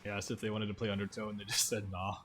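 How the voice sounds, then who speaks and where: A man with a lowish, fairly flat, slightly bright voice talks rapid-fire while livestreaming a video game. He chats casually with viewers and comments on the play in informal, slangy language. He uses a streaming microphone, with music playing behind his voice.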